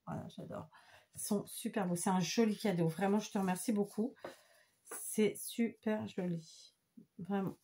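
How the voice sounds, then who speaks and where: A woman crafter talks casually to her viewers, showing off papercraft she received in the mail. Her voice is husky and slightly breathy, at a middling pitch. She is enthusiastic and chatty, heaping praise on every detail. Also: darkish tone. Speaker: craft vlogger. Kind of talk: casual show-and-tell chat.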